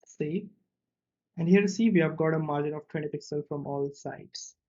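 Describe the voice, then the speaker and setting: With a fairly high yet darkish voice at normal speed, a man leads an unscripted programming tutorial one step at a time, voicing his thoughts and often adding a quick questioning tag. The highs in the recording are cut off.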